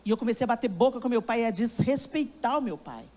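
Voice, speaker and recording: A woman's voice: fairly high pitch, expressive, fast, darkish tone. A woman preacher delivering a sermon, telling a story with emphasis and speaking straight to her listeners.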